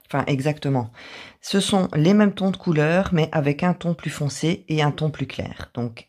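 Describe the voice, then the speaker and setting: Woman, husky voice, slight accent, calm step-by-step craft tutorial narration. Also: low voice. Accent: non-native or regional French accent. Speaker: craft channel host.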